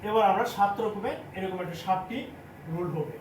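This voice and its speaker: A man with a Bangladeshi Bengali accent teaching a classroom lesson, repeating each point slowly. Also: high voice, a little hiss or hum. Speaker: language teacher. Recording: echoey room, mic at a distance.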